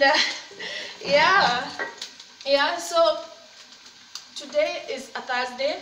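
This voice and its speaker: A woman's voice: sits high, sharp tone, slight background noise. A woman in her thirties chatting casually and cheerfully while she cooks at home, encouraging her viewers as she goes. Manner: chatty, upbeat and encouraging, with faith talk. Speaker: cooking vlogger, mother. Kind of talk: casual cook-along chat. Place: home kitchen, indoors. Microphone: laptop or phone camera at desk distance. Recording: roomy, slightly distant camera mic with faint ambience.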